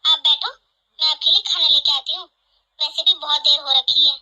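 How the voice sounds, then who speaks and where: A woman voicing a gentle young daughter-in-law. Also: sits high, steady tone, moderate pace, highs cut off. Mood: pleading. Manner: gentle, pleading, earnest. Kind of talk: animated family drama voice acting.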